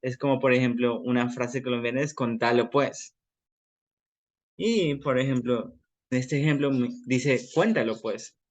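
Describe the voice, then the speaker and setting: A man's voice: medium pitch, level tone, moderate pace. Ecuadorian man giving a class talk. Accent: Ecuadorian Spanish. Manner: informal, explains with everyday examples and fillers. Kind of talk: class presentation.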